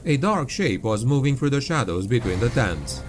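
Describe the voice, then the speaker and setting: Male audiobook narrator: grave, dark fantasy storytelling, animated intonation, clear music bed. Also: medium pitch, normal speed. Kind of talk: scripted dramatic narration of grimdark fantasy.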